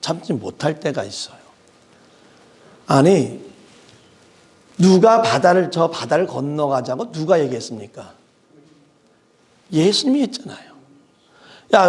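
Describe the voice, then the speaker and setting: A middle-aged male pastor preaching a sermon, dramatic and full of rhetorical questions, swinging between loud emphasis and hushed asides. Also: on the high side. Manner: asks the congregation rhetorical questions.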